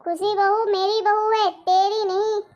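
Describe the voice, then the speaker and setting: A woman's voice: extremely high pitch, little pitch movement, measured pace, darkish tone, highs cut off. Woman voicing a scolding mother-in-law. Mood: stern. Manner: scolding, bossy. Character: stern scolding middle-aged mother-in-law. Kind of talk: cartoon voice acting.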